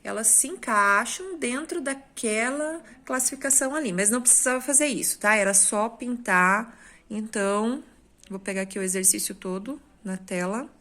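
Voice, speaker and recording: Bright and forceful, with a fairly high pitch and moderate pace, this Brazilian Portuguese-accented woman corrects exercises in a recorded school lesson. She takes the class through it step by step, frequently checking in.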